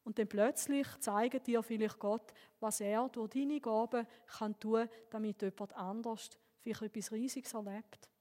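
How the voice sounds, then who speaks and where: A woman pastor with a Swiss German accent, preaching a sermon through personal stories in an earnest, lively way. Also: fairly high pitch, unhurried, hardly any pauses, long reverb tail.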